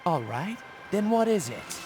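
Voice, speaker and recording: A man's voice: high voice, very animated, measured pace. An actor playing a brash, cocky younger male assassin in a video game, with a taunting manner. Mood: questioning. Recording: music loud behind the voice.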